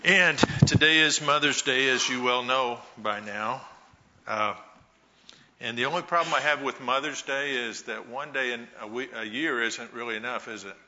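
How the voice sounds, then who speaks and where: A man giving a Mother's Day talk to a church congregation, telling folksy stories with pauses. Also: mid-range voice, bright, forceful tone, lo-fi sound, slight background noise. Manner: slow, folksy storytelling with pauses. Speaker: church speaker.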